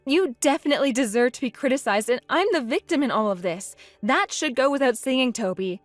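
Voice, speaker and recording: A woman's voice: sits high, lively intonation, a little fast, no echo, soft background music. A woman voicing a hurt, indignant young bride in a text-message story, speaking in an upset, pleading way.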